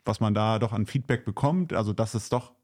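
A man co-hosting a podcast, talking casually in a halting way, full of fillers and tag questions. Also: on the low side, darkish tone. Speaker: podcast co-host. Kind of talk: casual chat.

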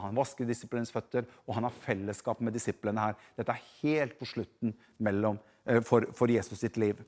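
Guy preaching a sermon, goes loud then real quiet, talks right to the crowd, medium pitch. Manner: emphatic, swings between loud and hushed; addresses the congregation directly.

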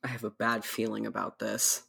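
A woman playing a tabletop game who gives dry, low-key replies. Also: level tone, normal speed, vocal fry, bright, forceful tone, breathy edge. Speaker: player.

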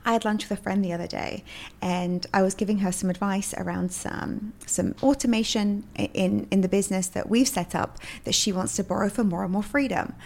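A woman's voice: medium pitch, fairly even intonation, a little fast, creaky, darkish tone. A woman hosting her own solo self-help podcast, upbeat in manner and laughing often as she talks. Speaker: podcast host.

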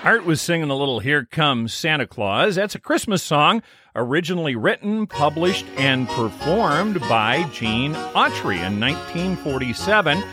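A man's voice: fairly high pitch, sing-song, measured pace, over music. A man co-hosting a podcast, recapping an old sitcom episode in a chatty, enthusiastic way. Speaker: podcast co-host.

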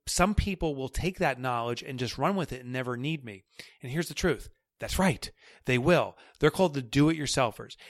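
A man guest on a podcast interview, talking in an energetic, emphatic way and building his points step by step. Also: medium pitch, no room sound, studio quality. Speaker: guest author.

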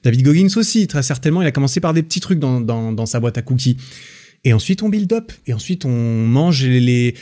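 A man rambles through a casual solo podcast, restarting sentences and dropping slang as he goes. His voice sits at a middle pitch with a warm, mellow tone. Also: animated, brisk. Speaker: podcast host.

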